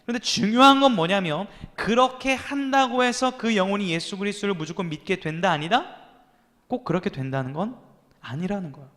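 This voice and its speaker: High-voiced pastor in his thirties preaching. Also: fairly bright tone, in a large hall. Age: 30s. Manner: storytelling with acted quotes and rhetorical questions to listeners. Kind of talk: youth sermon.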